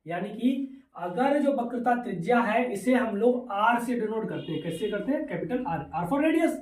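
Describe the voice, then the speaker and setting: A man's voice: high-pitched, expressive, moderate pace, a little mellow, distant mic. A male teacher giving a physics lesson, asking questions and answering them himself, mixing in English terms. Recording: echoey room, voice away from mic.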